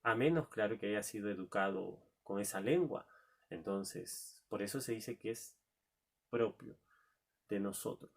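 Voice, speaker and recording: A man's voice: lowish voice, vocal fry. A man teaching a recorded lesson, asking rhetorical questions and answering them himself, drawing out key words. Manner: drawn-out stressed key words.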